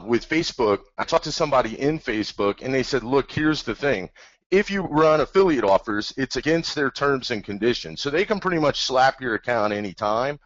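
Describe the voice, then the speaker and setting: A man talks shop on a webinar in a loose, eager, rambling way. His voice sits at an ordinary pitch. The call audio is dry and dull, with no room sound. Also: a bit bright, dry recording. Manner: enthusiastic, rambling, plain-spoken. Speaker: webinar co-host. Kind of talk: casual webinar talk. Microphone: computer mic over an online call.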